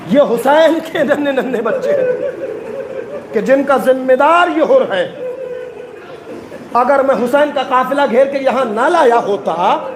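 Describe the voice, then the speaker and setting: A man preaching at a mourning gathering, chanting an emotional elegy, sobbing and rising to wails. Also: very high-pitched. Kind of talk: chanted Muharram elegy sermon. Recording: echoey hall with faint noise.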